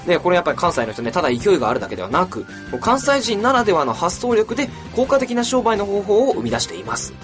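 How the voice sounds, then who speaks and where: Lively chatty man hosting a book show. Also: high voice, fast, hardly any pauses, music in the background. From Saitama, Japan. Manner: chatty and animated, frequent fillers. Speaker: book podcast host. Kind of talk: podcast book introduction.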